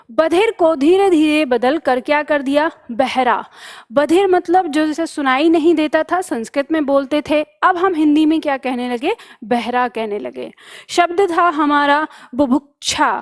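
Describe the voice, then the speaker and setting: Woman teacher, high voice, patient drilling style, asks then answers. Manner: repetitive, drills each word with question and answer; drops low and soft on the answer word. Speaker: Hindi teacher. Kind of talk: online vocabulary lesson.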